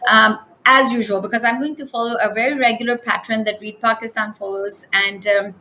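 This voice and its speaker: A woman's voice: a little high, fairly even intonation, a little fast, bright, forceful tone, poor audio. Young woman, interview host, enthusiastic, lots of fillers, faint background noise. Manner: enthusiastic, many fillers and restarts. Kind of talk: online interview hosting.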